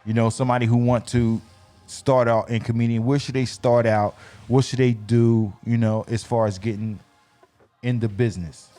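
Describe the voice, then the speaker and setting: Quick-talking podcast host. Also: male voice, medium pitch, fairly even intonation, warm tone, faint music behind. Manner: quick interviewer, affirming. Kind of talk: casual podcast chat.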